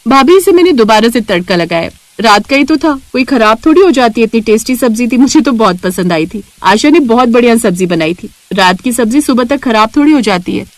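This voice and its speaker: A woman voicing a gentle but firm young bride in a cartoon, speaking earnestly. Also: a little high, lively intonation, fairly quick, hardly any pauses, no echo, natural voice.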